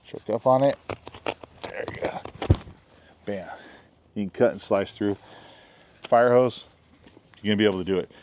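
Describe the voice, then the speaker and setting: Speaking at a moderate pace with long pauses, a middle-aged man with a lowish voice and a head cold demos a knife in his backyard. Background noise is heavy, and his casual, joking talk leans on "guys" and "bam."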